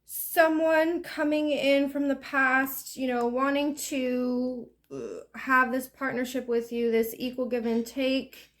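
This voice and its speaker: A woman's voice: sits high, flat delivery, takes it slowly. A woman giving a casual, rambling tarot reading in a chatty, self-deprecating way. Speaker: tarot reader.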